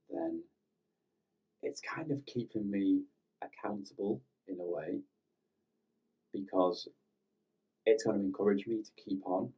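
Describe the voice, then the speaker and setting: A man with a gentle, reflective, soft-spoken manner, leading a guided meditation. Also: sits low, husky, recorded from a distance. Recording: slightly dull lo-fi recording with faint music.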